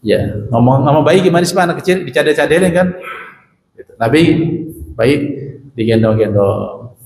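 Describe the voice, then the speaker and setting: A man's voice: fairly high pitch, animated, normal speed, darkish tone. A middle-aged man giving a casual, joking sermon in a mosque, talking directly to his listeners. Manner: chatty, joking, talks to the audience. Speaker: preacher. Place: mosque hall. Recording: echoey mosque hall, long reverb, faint noise.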